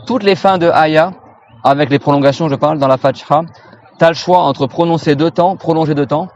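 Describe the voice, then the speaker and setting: A man from France teaching Quran recitation in a casual lesson, repeating each sound slowly and often checking in with his students. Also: a little high, darkish tone, dull audio, slight background noise. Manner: casual, familiar, checks in with "d'accord?". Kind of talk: informal pronunciation lesson.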